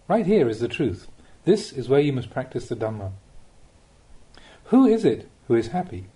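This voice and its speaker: A man, a Buddhist monk, reading a scripted spiritual teaching as an audiobook, with measured, deliberate phrasing and rhetorical questions. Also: medium pitch, very animated, warm tone.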